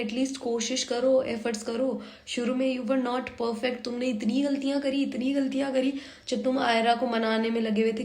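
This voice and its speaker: High-voiced young woman reacting animatedly. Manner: animated, exasperated, talks back to the screen. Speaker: drama reaction reviewer. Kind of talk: casual reaction commentary. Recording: echoey room.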